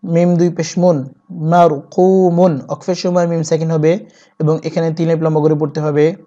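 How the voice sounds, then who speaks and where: A man teaching Quran reading, spelling out syllables one by one and chanting each verse slowly. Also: a little high, little pitch movement, warm tone. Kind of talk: step-by-step recitation lesson. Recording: dull lo-fi recording.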